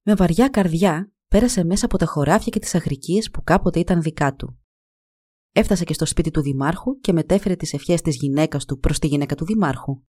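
A woman narrating a folk tale in a calm, measured storytelling voice. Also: sits low, breathy edge.

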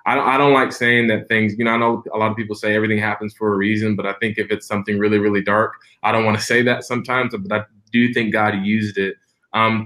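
A man's voice: lowish voice, fairly bright tone. A man in his twenties, a preacher and podcast guest, telling a personal story in an earnest, reflective way with frequent restarts. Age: 20s.

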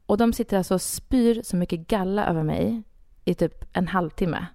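Female guest author, low and gravelly, animated casual storytelling, dry close recording. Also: no room sound. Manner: animated, many fillers and restarts. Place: Stockholm studio.

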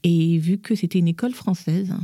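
A woman in her thirties, an interview guest, tells her life story in a lively way and acts out what others said. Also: lowish voice, a little fast, no room sound, studio quality. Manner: lively, acts out quotes in changed voices. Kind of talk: personal storytelling in conversation.

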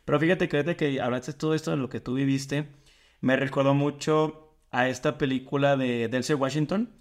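A man's voice: medium pitch, fairly even intonation, fairly quick. Male co-host, thoughtful rambling storyteller. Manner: reflective, meandering storyteller. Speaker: podcast co-host. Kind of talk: casual podcast chat.

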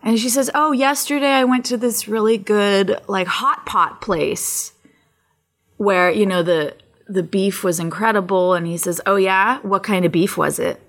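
Bright-voiced woman telling stories. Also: mid-range voice, a little slow. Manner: animated, acts out voices in anecdotes, laughs often. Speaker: podcast co-host. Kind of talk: casual chat, storytelling.

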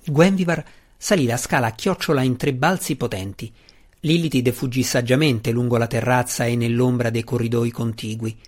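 A man reading a fantasy novel aloud as an audiobook narrator, in a steady, measured way. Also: mid-range voice.

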